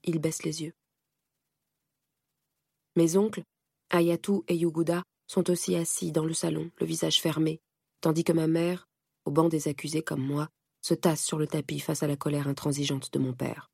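A woman reading a first-person audiobook in a measured, steady way. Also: deep voice, vocal fry, husky, no room sound, studio quality. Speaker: narrator.

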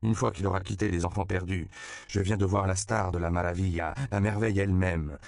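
A man's voice: deep voice, fairly even intonation, brisk, gravelly, clean tone, no echo. A man voicing an outspoken middle-aged doctor who argues heatedly, in an audiobook. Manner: heated, shouting.

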